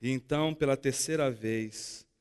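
A man with a Brazilian Portuguese accent preaching a sermon as a pastor, expressive and fond of rhetorical questions. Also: medium pitch, moderate pace, clean tone, in a large hall. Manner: expressive, acts out dialogue and asks rhetorical questions.

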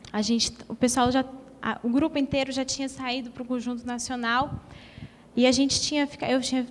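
A woman's voice: sits high, a little hiss or hum. A Brazilian woman giving an earnest, emotional testimony in a church hall. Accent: Brazilian Portuguese.

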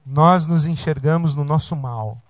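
A man's voice: a little high, measured pace, no echo. A man preaching a sermon as pastor, in an emphatic, repetitive cadence.

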